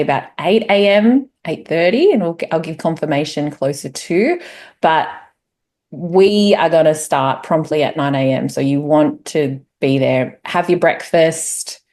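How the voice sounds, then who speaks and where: A woman hosting a casual group chat, bubbly and enthusiastic. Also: sits low. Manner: bubbly, enthusiastic, fast-rising excitement. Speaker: host.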